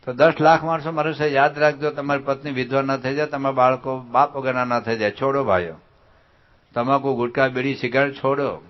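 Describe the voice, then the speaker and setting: A man from Kathiawar, a swami giving a sermon to children. He asks them the same questions again and again and pushes them to answer loudly. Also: medium pitch, fairly even intonation, fairly quick. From Kathiawar, Gujarat. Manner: drills the crowd with repeated questions, urging them to answer loudly. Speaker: swami preacher. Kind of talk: call-and-response sermon to children. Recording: dull, lo-fi sound.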